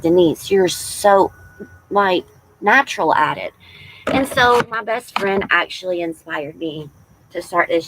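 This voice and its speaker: A woman in her forties, a tarot reader hosting a casual livestream, chatting warmly with viewers and calling them y'all. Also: fairly low pitch, slight background noise, rough recording. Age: 40s.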